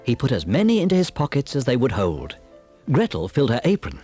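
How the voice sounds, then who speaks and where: A man narrating a children's fairy tale on a storybook cassette with an expressive, dramatic delivery. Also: mid-range voice, brisk, husky, soft background music.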